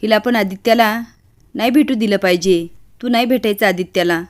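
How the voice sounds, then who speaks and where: A woman voicing a scheming, sharp-tongued young daughter-in-law in a serial recap, reading in a mocking, accusing way. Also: medium pitch, a little fast, lightly acted. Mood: scornful.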